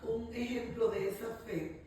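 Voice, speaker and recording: A woman's voice: on the high side, measured pace, mellow, a little hiss or hum. Woman, church member sharing testimony, fervent, distant and roomy. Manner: fervent testimony, frequent amens. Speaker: bible study participant. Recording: echoey room, far from the mic, faint ambience.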